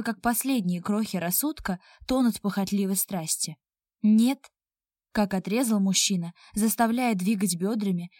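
A woman narrating a first-person audiobook in a steady, intimate reading. Her pitch sits in a middle range. The recording is dry and close, with no room sound. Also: no room sound.

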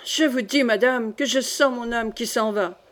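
A woman's voice: fairly high pitch, moderate pace, close to an everyday voice. A woman reading the part of a dying young king, grave, solemn and commanding. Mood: grim.

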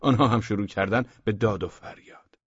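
A man narrating a humorous story as an audiobook, in a warm, measured way with soft half-whispered passages. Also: on the low side, slightly rough, no echo. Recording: dull lo-fi dry audiobook recording.

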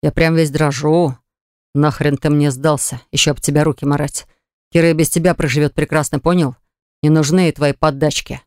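A reader voicing a hot-tempered man who growls and sneers at a rival in a low, rumbling voice. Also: steady tone, normal speed, a little mellow, no room sound, clean studio sound, close to an everyday voice. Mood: sneering.

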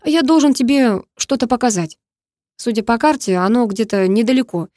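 A woman's voice: on the high side, animated, normal speed, mellow, no room sound, studio quality, lightly acted. A woman voicing a cocky, teasing young man. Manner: teasing, smug.

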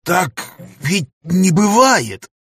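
A man with a husky voice voicing an elderly male professor who pleads and rises to near shouting. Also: medium pitch, measured pace, no room sound, studio quality. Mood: disbelieving.

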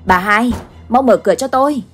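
A woman's voice: medium pitch, expressive, moderate pace, a little mellow, faint music behind, close to an everyday voice. A woman doing a frightened old village man. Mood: desperate. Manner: anxious, pleading. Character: frightened elderly village man, worried husband. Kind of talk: storybook ghost tale acting.

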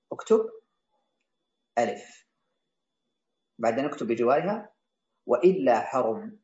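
A man's voice: medium pitch, a little mellow. A man teaching a classical legal text, reading out each line and then restating and explaining it for his students. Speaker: teacher of Islamic jurisprudence. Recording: roomy, slightly dull sound.

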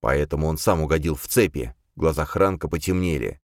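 A man narrating a fantasy novel in an expressive storytelling way. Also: extremely low pitch, fairly quick, dry recording, clean studio sound. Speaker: audiobook narrator.

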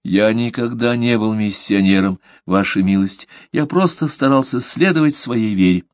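A man voicing a devout male merchant who answers politely, measured and quietly firm, in an audiobook. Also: on the low side, no room sound, natural voice. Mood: composed. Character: calm devout male merchant under questioning. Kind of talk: audiobook character reading.

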